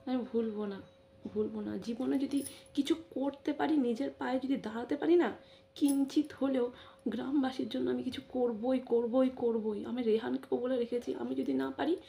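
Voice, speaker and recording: A middle-aged woman pours out an impassioned personal monologue, circling back to phrases and punctuating them with quick affirmations. Her voice sits fairly high yet sounds mellow and dark in tone, with a gravelly, fry-laden texture. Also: fairly even intonation. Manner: impassioned, repetitive, frequent affirming interjections. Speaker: vlogger.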